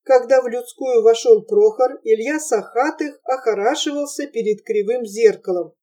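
A woman narrating a literary novel as an audiobook in a measured, expressive storytelling manner. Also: a little high, recorded from a distance.

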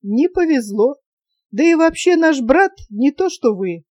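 A woman's voice: high voice, animated, unhurried, a little mellow, no echo, dull audio, voice pushed up. A woman voicing a reserved young man of modest means in a storybook reading, giving short, plain replies.

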